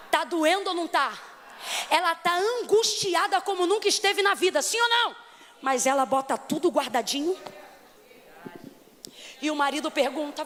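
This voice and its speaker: A woman preacher from Brazil with a Rio accent, delivering a dramatic sermon and acting out scenes, rising at times to shouts. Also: high voice. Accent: Rio de Janeiro Portuguese. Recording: long hall reverb, faint noise.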